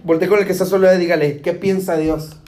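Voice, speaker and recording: A man's voice: high-pitched, fairly even intonation, quick pace, a little mellow, a little hiss or hum. A man, preaching as a pastor. He keeps asking the congregation if they follow him, and he acts out little dialogues with humor. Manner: asks the congregation "¿Está conmigo?" again and again. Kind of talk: sermon. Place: church hall. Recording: echoey church hall.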